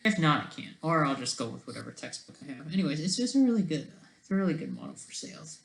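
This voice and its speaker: A solo online video creator with a fairly high, gravelly, very animated voice rambles casually through his ideas. He halts, trails off, jumps between thoughts, and adds small questioning checks. The recording echoes strongly, like an untreated room.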